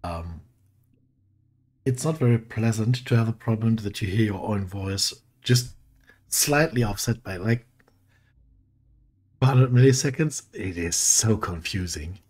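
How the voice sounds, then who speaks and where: A man with a German accent and a very deep, soothing voice, rambling through casual commentary on his game and correcting himself as he goes. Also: a little slow, long pauses, a little mellow. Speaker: let's play host. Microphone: desk mic with equalizer.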